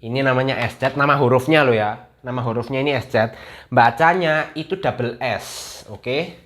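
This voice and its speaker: A young man giving a casual video lesson, chatty and friendly in tone, repeating each letter slowly to drill it. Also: medium pitch, a bit bright. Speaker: language teacher.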